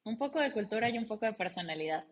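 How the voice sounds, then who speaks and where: A woman from León, Guanajuato, Mexico, speaks with a Mexican accent in a slightly high voice and at a very fast clip. As a guest on a casual interview, this logistics company founder and CEO chats animatedly, telling personal stories and quoting dialogue in her anecdotes.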